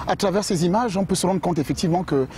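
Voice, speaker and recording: A man presenting a weekly news show, asking guests brisk questions. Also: high voice, background noise. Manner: brisk questions with short acknowledgements. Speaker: studio presenter.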